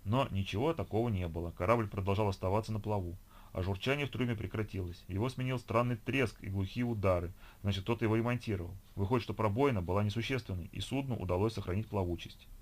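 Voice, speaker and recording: The speaker is a man reading an audiobook aloud, his lowish voice keeping a calm, regular rhythm through the scripted text.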